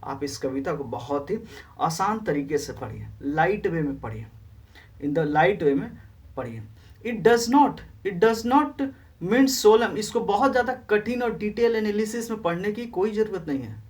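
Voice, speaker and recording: A woman's voice: fairly low pitch, expressive, darkish tone, distant mic. Woman teacher, online class, recorded a little off-mic. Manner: reads English text slowly, then explains and repeats in Hindi. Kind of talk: online exam-prep class lecture.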